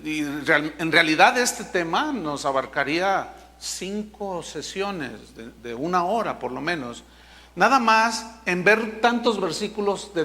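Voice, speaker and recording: Give me a high-voiced, bright-toned male preacher with a long hall echo. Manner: emphatic preaching, slowing down to stress key words. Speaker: pastor. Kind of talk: sermon.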